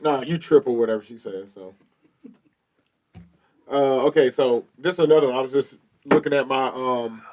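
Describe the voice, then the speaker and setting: A man's voice: medium pitch, normal speed, pauses often, darkish tone. A man with a lisp and whistling s, chatting casually and loosely as a podcast host in slangy talk. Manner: profane, slangy. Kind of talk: casual group chat.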